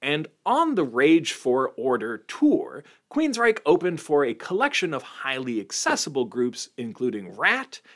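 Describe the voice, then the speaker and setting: A man's voice: mid-range voice, wildly swooping pitch, unhurried, few pauses, fairly bright tone. A man co-hosting a podcast, dry and sarcastic in tone. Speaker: podcast co-host. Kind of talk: casual podcast chat.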